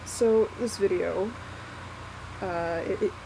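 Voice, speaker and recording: Young adult vlogger, slow, candid and self-deprecating delivery, recorded on a laptop with a loud fan running. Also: medium pitch, steady tone, gravelly, background noise. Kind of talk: casual unscripted confessional vlog, one take. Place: small warm bedroom at night. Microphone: laptop built-in mic. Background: whirring fan.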